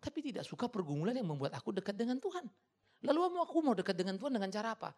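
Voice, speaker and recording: A man preaching a sermon as a pastor, dramatic and colloquial, swinging from hushed tones to shouting and talking straight to the congregation. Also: high-pitched, big pitch swings, racing.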